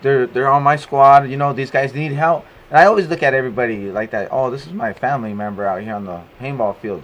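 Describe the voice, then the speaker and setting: A man's voice: mid-range voice, fast, lo-fi sound. Laid-back man talking with lots of fillers. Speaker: paintball coach. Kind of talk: casual podcast chat.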